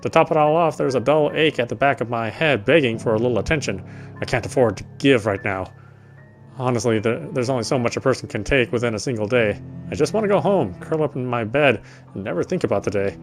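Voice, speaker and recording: This streamer has a mid-range, expressive voice and moves at a quick pace, reading the visual novel's narration with dramatic flair and dropping casual asides while game music plays behind him.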